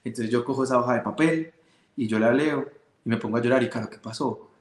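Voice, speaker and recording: A man's voice: mid-range voice, quick pace. A man telling his faith testimony with emotion, acting out the dialogue as he goes. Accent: Colombian Spanish. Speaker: guest sharing faith testimony. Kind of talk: personal testimony storytelling. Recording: roomy echo.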